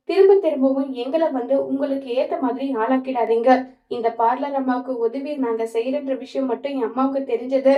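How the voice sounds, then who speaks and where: A blunt young man scolds and refuses a pleading mother, as a woman recapping a serial reads his lines. The voice stays high and barely changed. The recording is roomy and lo-fi. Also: natural voice. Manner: angry, reproachful.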